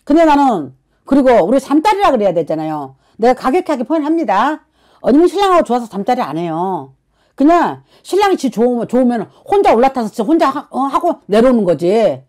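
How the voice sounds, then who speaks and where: A woman's voice: on the high side, sing-song, fairly quick. A woman fortune teller giving blunt counsel, scolding and prodding her client with constant questions. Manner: forceful, scolding, keeps prodding with "어?".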